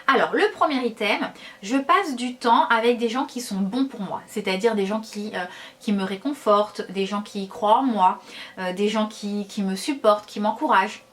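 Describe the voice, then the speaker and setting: A woman's voice: mid-range voice, moderate pace. Chatty French-speaking woman vlogger. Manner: chatty and hesitant, with many fillers. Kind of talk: casual talk to camera.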